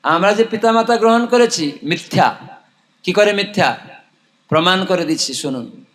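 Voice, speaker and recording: A man's voice: high-pitched, animated, moderate pace, a bit bright. A man preaching with a non-native Bengali accent, telling parables in a didactic way and answering his own questions. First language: not Bengali. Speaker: religious preacher. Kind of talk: sermon with storytelling, addressing villagers.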